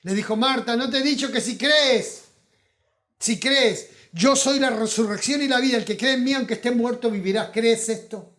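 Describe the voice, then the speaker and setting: A man with a Rioplatense Spanish accent preaching a sermon as pastor, swinging from loud emphatic calls to hushed asides. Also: extremely high pitch, moderate pace. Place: auditorium.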